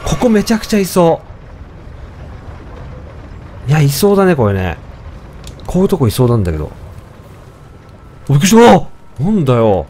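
A young man casually commenting on his own gameplay, chatting to himself with sudden excited outbursts. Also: mid-range voice, a little fast, pauses often, a little hiss or hum. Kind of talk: casual let's-play commentary.

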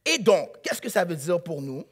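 A man delivers a sermon, his voice pitched high with a husky edge. He moves from hushed, near-whispered lines to loud, shouted passages, in the manner of dramatic church preaching. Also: sing-song, moderate pace. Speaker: pastor.

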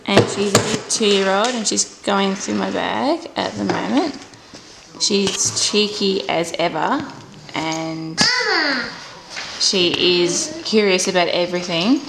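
A twentysomething Australian vlogger speaks casually to camera in her house, starting and stopping hesitantly with a slight stutter. Her mid-range voice moves at a slow pace and sounds reverberant, with clear background noise on the home camera audio.

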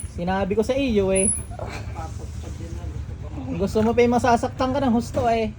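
A faith healer, sternly questioning a patient and murmuring ritual chants during a healing session at home. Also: male voice, very high voice, normal speed, dark tone, a little hiss or hum.

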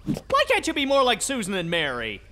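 A woman's voice: mid-range voice, huge pitch swings, a little fast, background noise. A woman voicing a cartoon parent who gushes over the clever daughters and snubs the son. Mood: gushing. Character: doting cartoon parent praising the girls.

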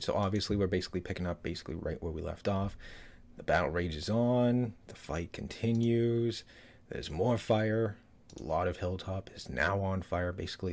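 This thirtysomething YouTuber reacts to a trailer from a small room, his loose, rambling remarks riddled with fillers and false starts. He has a deep voice with a darkish tone.

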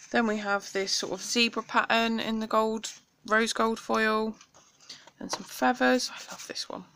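A young British woman talks through her craft haul at home in a casual, chatty way, full of enthusiasm and little ums. Her voice sits at an ordinary, middle pitch. A faint hiss of background noise runs under the recording. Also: gravelly, a bit bright. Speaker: craft vlogger.

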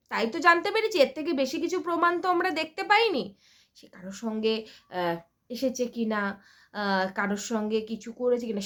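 A woman with a high, light voice rants through a casual vlog commentary. She talks bluntly and scornfully, throwing crude insults and checking in with her viewers between points. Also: a bit bright. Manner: chatty, many fillers and check-ins. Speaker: vlogger.

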